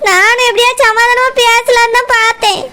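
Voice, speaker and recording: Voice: very high voice, fairly even intonation, moderate pace. A performer voicing a frightened young wife in a cartoon, with a Kanyakumari Tamil accent, pleading and weepy. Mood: tearful. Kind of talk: cartoon voice acting. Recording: loud background noise.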